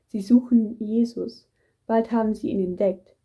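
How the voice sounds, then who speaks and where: A woman reading a children's Bible story aloud in a gentle, measured storytelling manner. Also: a little high, fairly even intonation, breathy edge. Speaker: story reader. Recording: dull muffled recording.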